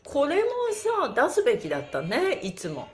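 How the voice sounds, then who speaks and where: In a small bare room, a middle-aged woman who teaches stretching and performs pantomime leads a livestreamed lesson, cheerfully exclaiming and encouraging, chanting counts and tossing in chatty asides. Her high voice swoops wildly in pitch at a normal pace, and a camera mic a few steps away picks it up with reverb.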